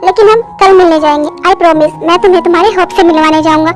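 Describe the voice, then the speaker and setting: A woman's voice: extremely high pitch, fairly even intonation, fast talker, over music. A woman doing a patient coaxing husband. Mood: soothing. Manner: coaxing, reassuring. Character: gentle soothing young husband, patient. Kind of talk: amateur fan dub drama.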